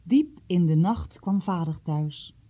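A woman narrating a children's storybook with a calm, measured reading. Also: on the low side, husky. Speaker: audiobook reader.

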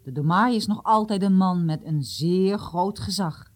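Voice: medium pitch, unhurried, natural voice. A storyteller voicing a sensible man who defends his leader's authority. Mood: reproving.

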